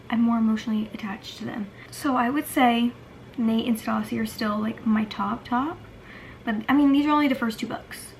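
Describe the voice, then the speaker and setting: A woman's voice: fairly high pitch, creaky, slight background noise. Gushing young woman book vlogger. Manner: gushing, emotional, full of "like" fillers. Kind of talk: casual chat.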